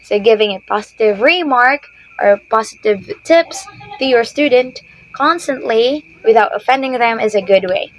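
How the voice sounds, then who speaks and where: Woman, ESL teacher, fairly high voice, patient explaining, frequent "okay?". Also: animated, moderate pace, low-quality recording. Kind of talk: instructional talk to teachers.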